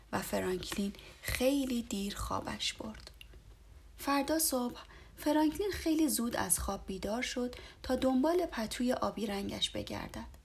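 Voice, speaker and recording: A woman reading a children's story aloud in a soft, half-whispered way. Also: a little high, creaky, slightly rough.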